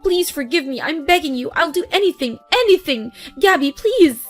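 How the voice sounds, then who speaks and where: A woman's voice: sits high, lively intonation, a little fast, faint music behind. A woman voicing a desperate, abusive sister-in-law who pleads and begs in a scripted story. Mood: begging. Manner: pleading, begging.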